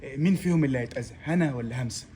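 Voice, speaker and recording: A man's voice: mid-range voice, rapid-fire, dark tone, slight background noise, lightly acted. A man with an Egyptian accent acting as a sly doctor in a homemade comedy-drama, speaking in a soothing, conspiratorial way. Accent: Egyptian Arabic. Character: sly reassuring male doctor. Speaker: amateur sketch actor.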